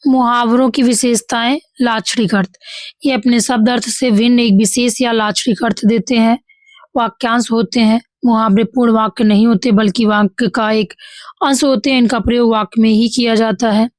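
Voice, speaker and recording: A woman's voice: a little high, steady tone, moderate pace, no echo. A woman with a Bihari Hindi accent teaching an exam-prep grammar lesson. She reads each example and then corrects it. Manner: reads examples then corrects them, says "ठीक है" often.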